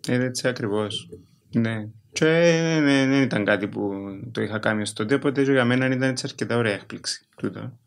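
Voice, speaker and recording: A man with a Greek Cypriot accent chatting casually as an interview guest, dropping English words into his speech. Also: medium pitch. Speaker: interview guest, writer and performer.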